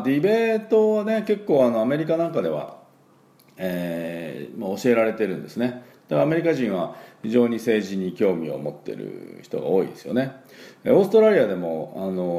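A middle-aged man hosts a daily English lesson, talking casually with lots of fillers. His voice is deep and gravelly with a warm, dark tone. It swings lively up and down, and the recording has a roomy echo. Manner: chatty, many fillers, slow drawn-out teaching of sounds. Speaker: English teacher and school head.

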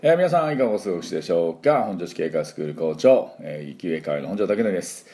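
Middle-aged male English teacher, low voice that swoops up and down, casual lesson host with lots of drawn-out fillers. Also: expressive, dark tone. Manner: chatty and explanatory, with many drawn-out fillers; demonstrates pronunciation slowly for listeners to repeat.

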